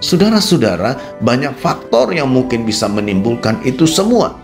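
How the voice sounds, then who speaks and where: A man with an Indonesian accent preaching a radio sermon. He talks straight to his listeners and swings between low quiet asides and raised, emphatic peaks. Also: very animated, normal speed, music in the background. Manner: addresses listeners as "Saudara" constantly. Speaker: pastor. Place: radio studio.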